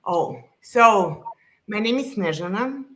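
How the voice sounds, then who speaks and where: A woman's voice: medium pitch, animated, slow. A woman from Serbia, speaking as a podcast guest in earnest, casual conversation, often restarting as she searches for words.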